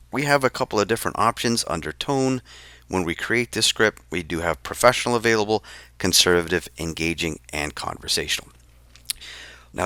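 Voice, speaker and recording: A man acting as a real estate tech trainer, walking through software step by step in a screen-share tutorial, with frequent fillers. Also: lowish voice, dry recording.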